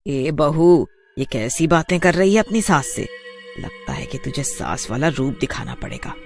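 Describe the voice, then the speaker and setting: A man voicing a fussy old mother-in-law in a kids' storybook, scolding and wailing in a shrill voice. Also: lively intonation, a little slow, gravelly, soft background music. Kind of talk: storybook voice acting.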